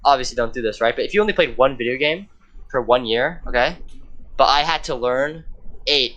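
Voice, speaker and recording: A man's voice: mid-range voice, fairly quick, sharp tone, highs cut off. Slangy, hyped teenage guy. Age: teens. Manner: hyped, slangy, keeps saying bro and dude. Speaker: podcast co-host. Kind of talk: casual podcast chat.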